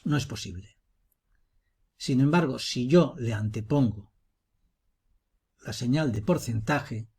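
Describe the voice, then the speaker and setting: Patient and methodical, a male instructor narrates a software tutorial captured by screen recording. His voice is husky, a bit breathy, and pitched in the middle.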